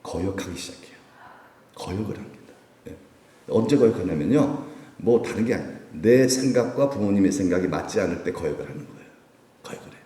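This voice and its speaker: Low-voiced pastor in an echoey church. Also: male voice, expressive, fairly quick, dark tone. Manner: conversational preaching with rhetorical questions and sudden rises. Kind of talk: sermon at a Wednesday prayer meeting. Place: church sanctuary. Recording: echoey church hall, mic from a distance.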